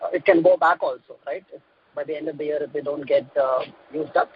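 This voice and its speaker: A man's voice: fairly high pitch, fairly even intonation, breathy edge. Hesitant man calling in by phone. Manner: hesitant, many filler pauses. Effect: phone call heard on air. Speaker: caller to a radio advice show. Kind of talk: call-in question. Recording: dull phone-line sound.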